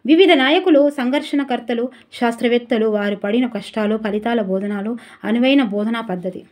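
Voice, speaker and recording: A woman teacher giving a brisk, chatty exam revision lesson and turning aside to talk to viewers. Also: a little high, darkish tone.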